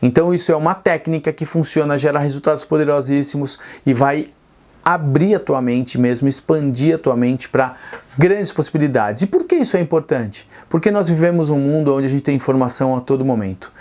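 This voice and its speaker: A man's voice: on the high side, a little fast, a little mellow. A middle-aged man teaching speed reading straight to camera, earnest and persuasive, asking rhetorical questions and answering them himself.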